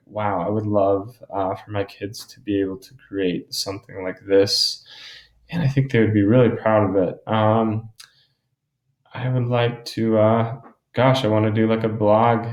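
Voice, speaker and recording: Male teacher, low voice, relaxed screen-recording walkthrough, echoey room. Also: measured pace. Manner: casual, thinking aloud with many ums. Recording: roomy echo.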